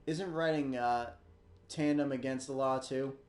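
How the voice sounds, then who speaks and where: A man's voice: mid-range voice, steady tone, a little slow, darkish tone, close to an everyday voice. A man reading as a polite young schoolgirl. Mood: dry. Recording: echoey room with guitar music.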